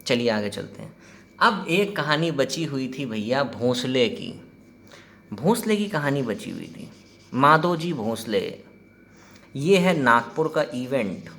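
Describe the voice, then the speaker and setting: A man's voice: medium pitch, big pitch swings, slow, vocal fry, fairly bright tone. A man giving an exam-prep history lecture in a chatty way, mixing Hindi and English, asking his students questions and acting out quoted exchanges. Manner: conversational, mixes Hindi and English, quizzes listeners, acts out quoted exchanges. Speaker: history teacher.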